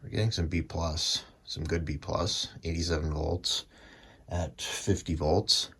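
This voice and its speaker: A hobbyist radio restorer at his small home workbench gives casual, matter-of-fact commentary on his own repair, thinking aloud in short phrases. His low, fairly bright voice is measured and fairly even, in a clearly noisy workshop recording with clicks.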